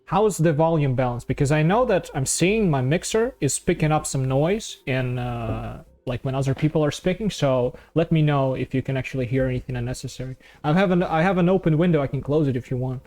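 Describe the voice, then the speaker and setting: A man from Ukraine hosting and commentating a fighting-game tournament stream, relaxed and chatty. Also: a little high, fairly quick, hardly any pauses. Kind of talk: casual esports commentary.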